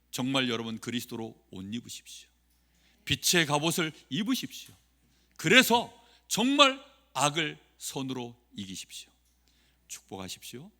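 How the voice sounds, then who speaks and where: A male pastor preaching a sermon, swinging between soft, hushed lines and loud, impassioned ones. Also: fairly high pitch. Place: church sanctuary.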